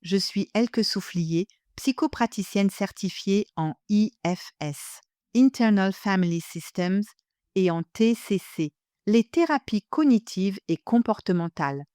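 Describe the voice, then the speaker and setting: An older native German speaker from Germany hosts a podcast, reading scripted narration in a measured, reflective way and addressing the listener directly. Her medium-pitched voice is warm, clear and resonant. Music plays behind her in clean, echo-free studio sound.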